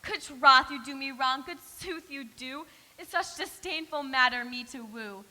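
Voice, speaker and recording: A woman's voice: high-pitched, unhurried, sharp tone, exaggerated voice. A woman playing a lovelorn young noblewoman who pleads in emphatic verse. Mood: hurt. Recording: echoey hall.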